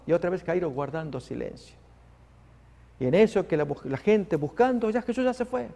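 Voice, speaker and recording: Gravelly preacher man in a reverberant hall. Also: high-pitched, animated, moderate pace, warm tone. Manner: dramatic, acts out the people in the story. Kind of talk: sermon.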